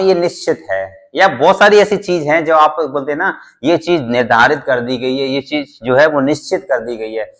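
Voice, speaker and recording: A man with a voice on the high side and a fairly bright tone teaches English vocabulary to students in Hindi. He repeats every word, spells it out letter by letter, and quizzes the class.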